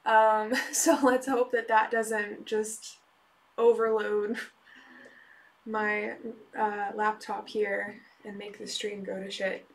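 A woman chatting casually on a live music stream, relaxed and unhurried, with frequent "um" pauses. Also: medium pitch. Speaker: live-stream musician taking song requests.

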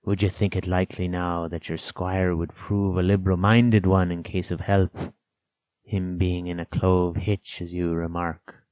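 A wheedling tone colors this man's take on a storybook's old marooned sailor, who is half-crazed, sly and childish. He uses rustic dialect, draws words out and erupts in sudden excitable bursts. His voice sits low, with no echo.

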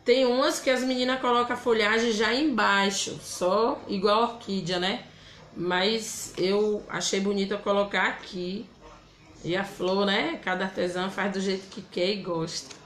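Medium in pitch, steady in tone and fairly bright, she talks at normal speed. This woman from Bahia, with a Bahian Brazilian Portuguese accent, hosts a casual live craft demo, chatty as she greets viewers by name and reads their comments, recorded with a roomy echo.

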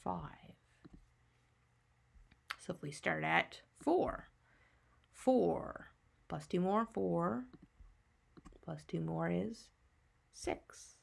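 A woman's voice: fairly low pitch, lively intonation, drawn-out words, creaky, long pauses, husky. A woman teacher narrating a maths lesson for young children, patiently teaching a child to count step by step with simple questions and answers.

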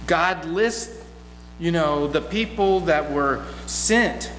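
A middle-aged guest preacher with a slightly high voice delivers an informal, story-driven sermon slowly from a church pulpit, folksy and conversational with animated asides. He speaks into a gooseneck pulpit microphone, and soft background music plays. The echoey hall adds long reverb, and there's a mains hum.

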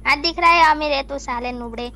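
A woman's voice: high voice, a little fast. A woman in a game's voice chat, rude and bossy, throwing insults. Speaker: player in voice chat. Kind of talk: in-game voice chat. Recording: noisy game voice chat.

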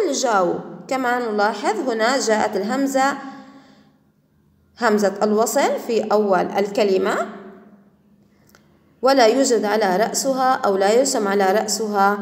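Patient woman teacher, lively echoing voice. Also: a little high. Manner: patient, repeats words slowly and praises often. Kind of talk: classroom grammar lesson. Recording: echoey room with long reverb.

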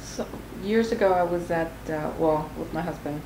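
A woman's voice: sits low, normal speed. A woman guest in a casual interview, talking hesitantly with a pipe in her mouth. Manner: hesitant, many fillers. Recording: echoey room with noise.

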